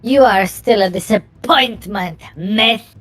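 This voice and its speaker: Woman voicing a slow, menacing witch mother. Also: medium pitch, faint music behind. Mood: cold, condescending. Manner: condescending, drawn-out taunts. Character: menacing witch mother, gloating villain sorceress.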